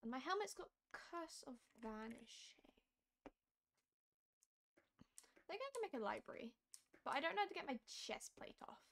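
A hoarse woman who is losing her voice, chatting casually and thinking aloud while live-streaming a game. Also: high voice, very animated, normal speed, pauses often, fairly bright tone, slight background noise. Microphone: streaming mic.

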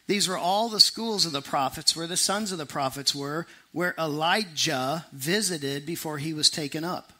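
A middle-aged man preaches to a congregation in an animated, conversational style. His voice is strikingly bright and forceful, sitting a little high. He tosses off quick asides, then slows right down to stress a point. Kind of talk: sermon.

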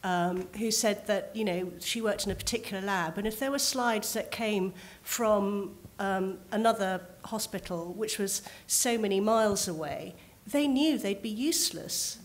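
A woman's voice: mid-range voice, measured pace, hardly any pauses. Indignant, emphatic woman panelist. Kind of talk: panel discussion.

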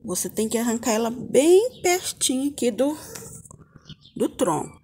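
A woman's voice: fairly high pitch, big pitch swings, unhurried, mellow, slightly rough. A Brazilian woman giving a casual, homely hands-on gardening tutorial, chatting informally to viewers as the host. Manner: addresses viewers as little friends, homely and informal. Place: outdoor home yard with potted plants.

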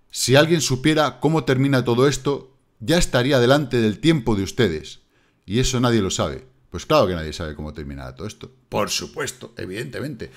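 A man with a Spain Spanish accent giving casual crypto market commentary as host, blunt and mocking, swearing casually. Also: medium pitch. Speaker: crypto trading YouTuber. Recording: distant megaphone-shouted opening.

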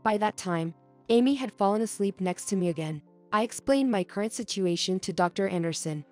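A young adult woman reading a first-person story aloud as narrator, in a soft, earnest storytelling manner. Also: medium pitch, expressive, a little fast, soft background music.

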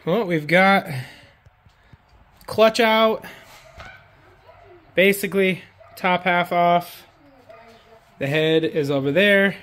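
A man's voice: high-pitched, very slow, pauses often, fairly bright tone. Laid-back man filming outdoors. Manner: laid-back, rambling with fillers. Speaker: vlogger. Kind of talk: casual vlog walkthrough. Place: outdoor yard by woods. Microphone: handheld camera at arm's length.

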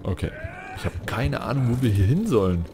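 A man's voice: mid-range voice, very animated, brisk, background noise. A man playing a video game and commenting casually, reading in-game text aloud and swearing when he gets frustrated. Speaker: let's play gamer.

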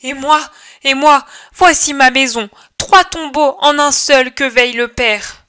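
A woman's voice: very high voice, takes it slowly, sharp tone, voice pushed up, full character voice. A woman reader voicing a grieving mother who cries out in despair over her lost children, in a shrieking, sobbing outcry for an audiobook. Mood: anguished wailing. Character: grieving bereaved young mother, wailing in despair.

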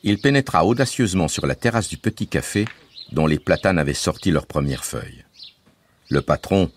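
A man reading a novel aloud as a radio serial, in measured, expressive storytelling. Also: rumbling low, breathy edge. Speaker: reader.

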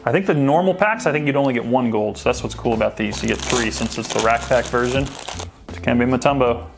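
Sorting through cards during a sports card pack opening, a man with a gravelly, mid-range voice chats fairly quickly over music. His casual unboxing commentary has him thinking aloud the whole time.

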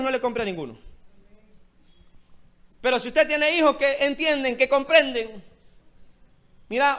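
High-pitched impassioned male preacher. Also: a bit bright. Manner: impassioned preaching, repeated direct address to listeners. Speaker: pastor. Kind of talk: sermon.

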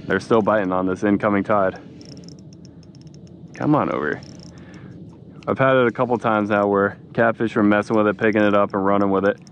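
A young man hosting a fishing vlog from a small boat at dusk, chatting casually and excitedly, saying "dude" a lot. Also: fairly low pitch, moderate pace, long pauses, highs cut off, a little hiss or hum. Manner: excited, laid-back, says "dude" a lot. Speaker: fishing channel host. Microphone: action camera mounted on cap.

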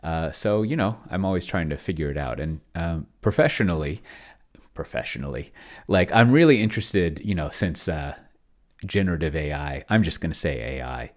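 Streaming from a small, bookshelf-filled home office, this man in his forties talks into a large desk mic held up close. His bass voice is expressive, but his casual talk is halting and digressive, full of self-interruptions.

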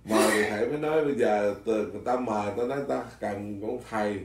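A man, a Buddhist monk telling stories from his life in easy conversation. He talks in an animated way, laughs often and trips over his restarts. The recording carries a clear echo, and he sits some way from the mic. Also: fairly low pitch, fast talker, background noise. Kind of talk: casual storytelling chat. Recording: echoey room, mic at a distance.

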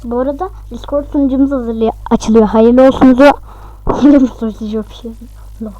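High-voiced excitable woman gamer. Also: normal speed, dry recording, muffled recording. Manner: excitable, talks to herself, shrieks at close calls. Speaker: gaming YouTuber. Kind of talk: casual gameplay commentary.

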